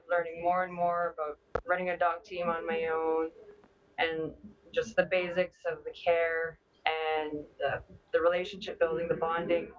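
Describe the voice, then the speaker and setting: A young woman answering interview questions conversationally, hesitant and often repeating her words. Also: on the low side. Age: young adult. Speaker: interview guest, dog team owner. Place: large busy indoor meeting hall. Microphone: video call. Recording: muffled video call, distant microphone.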